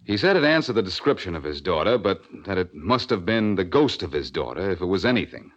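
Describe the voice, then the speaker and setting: An actor playing a wisecracking adult male detective in 1940s radio acting style on an old radio show, brisk, confident and wry. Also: low voice, very animated. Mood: insistent. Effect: old radio show broadcast. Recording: dull old radio broadcast.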